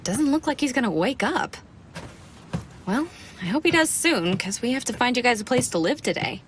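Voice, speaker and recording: A woman's voice: on the high side, expressive, moderate pace, slight background noise, lightly acted. An actress voicing a hot-tempered, exasperated young woman in an overacted English anime dub. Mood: casual. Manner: overacted, loud, scolding anime-dub delivery. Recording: music behind the voice.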